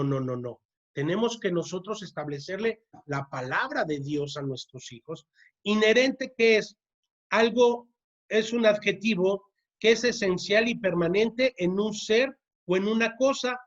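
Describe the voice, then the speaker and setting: The audio is dull as a church teacher with a medium-pitched voice leads a parenting class. Again and again she asks the listeners "¿sí?" and repeats key words so they sink in.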